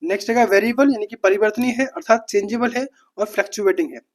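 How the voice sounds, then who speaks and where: An exam-prep teacher running a brisk vocabulary drill, naming each word, repeating it, then glossing it in a steady listing cadence. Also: medium pitch. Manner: brisk, matter-of-fact delivery with quick self-corrections. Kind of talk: rapid-fire vocabulary drill.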